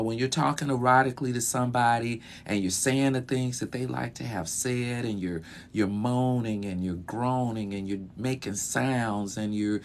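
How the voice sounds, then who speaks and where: A man who works as a sexologist, speaking in a relaxed educational talk with many fillers and repeated phrases, recorded in a bedroom closet. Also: mid-range voice, a little hiss or hum.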